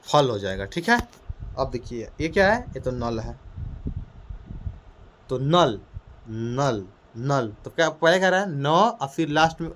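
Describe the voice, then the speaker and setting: A man with a fairly high-pitched voice runs a children's lesson in a small room, sounding out letters and repeating questions to the class in a loud, energetic way.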